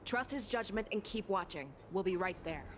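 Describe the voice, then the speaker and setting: A woman playing a calm, commanding military officer in a game, speaking with authority. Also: mid-range voice, moderate pace, slight background noise, close to an everyday voice. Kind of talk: dramatic game voice acting.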